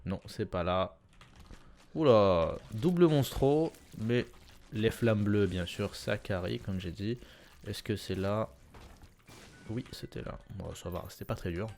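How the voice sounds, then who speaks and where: Young guy rambling over his game run, lowish voice, lots of ums, gets loud when excited. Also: slow, a little hiss or hum. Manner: chatty, self-correcting, lots of filler sounds, sudden excited bursts. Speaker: gameplay commentator. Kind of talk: casual let's-play commentary.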